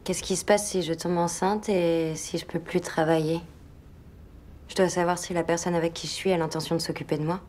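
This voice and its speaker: A low-pitched young woman from a dubbed film, played by an actress, speaking quietly and matter-of-factly. She presses her partner on whether he means to stand by her. Her voice sits low for a woman. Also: steady tone, a little fast, a little hiss or hum, close to an everyday voice. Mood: calm, probing. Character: young woman questioning her boyfriend's commitment. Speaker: film character in a dubbed scene.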